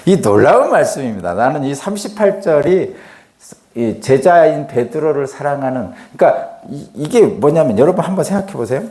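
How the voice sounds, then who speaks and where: A man's voice: fairly high pitch, big pitch swings, normal speed, dark tone, roomy sound. A middle-aged male pastor preaching a dawn sermon in a conversational way. He acts out dialogue and asks rhetorical questions.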